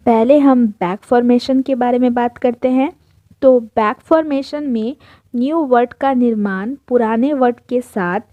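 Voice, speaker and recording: A woman's voice: fairly high pitch, warm tone. A woman teacher explaining a lesson step by step, listing examples one after another. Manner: methodical, lists examples one by one. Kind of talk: explanatory lesson in Hindi-English mix.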